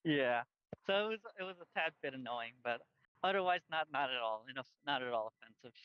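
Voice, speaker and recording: A man's voice: mid-range voice, lively intonation, brisk, clear, resonant tone, dull audio. A man co-hosting a podcast in casual chat, rambling with lots of fillers and restarts while wearing headphones. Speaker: podcast co-host. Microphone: headphones on, outdoors by a busy street.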